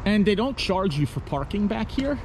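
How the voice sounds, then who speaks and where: A man's voice: high voice, sing-song, normal speed, noisy background. A man in his forties, a truck driver, rambling easily to a camera held at arm's length, first outdoors at a truck stop and then inside his truck cab. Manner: rambling, easygoing, talks with many fillers. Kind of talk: casual vlog talk to camera. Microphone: handheld camera at arm's length.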